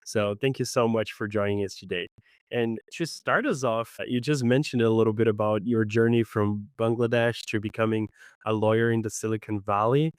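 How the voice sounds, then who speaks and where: A man's voice: on the low side, steady tone, normal speed, clean tone, no echo. A man hosting a podcast interview, enthusiastic and appreciative toward his guest. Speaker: podcast host.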